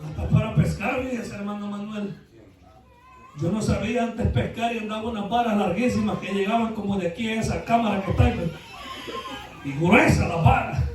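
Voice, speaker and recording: A man preaching a sermon as pastor, telling folksy stories and building to shouted exhortation. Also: sits high. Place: church sanctuary. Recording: echoey church hall, mic at a distance.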